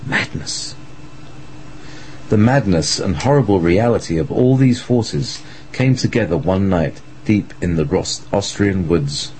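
A man with a low voice narrates a scripted story in a dramatic style. The recording carries clear background noise. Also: animated, unhurried, a little mellow, rough recording.

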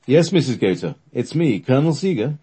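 A man's voice: medium pitch, very animated, moderate pace, dark tone, breathy edge, voice pushed up. A man voicing a colonel and chief engineer who speaks in a shy, nervous tone.

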